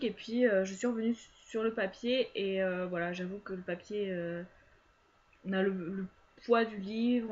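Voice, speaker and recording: A young woman chatting to camera about books, full of hesitations and fillers. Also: mid-range voice. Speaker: book vlogger. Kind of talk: casual chat to camera. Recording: dull lo-fi sound.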